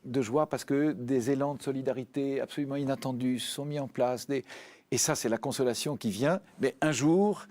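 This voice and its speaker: A man's voice: medium pitch, moderate pace, a little mellow. A man speaking earnestly as a guest in a spiritual radio discussion, often repeating words as he searches for them.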